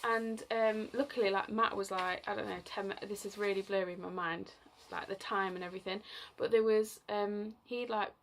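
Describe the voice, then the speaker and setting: Chatty woman with a gravelly edge. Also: medium pitch, steady tone, normal speed, a little hiss or hum. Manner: chatty, full of fillers, emotional at times. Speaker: vlogger. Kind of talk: rambling personal storytelling.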